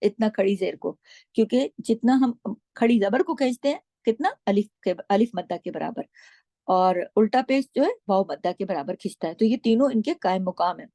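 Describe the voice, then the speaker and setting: A woman teaching tajweed, patiently explaining the rules and slowly drawing out the words she recites, asking her own questions and answering them. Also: mid-range voice, expressive, dark tone, dry recording.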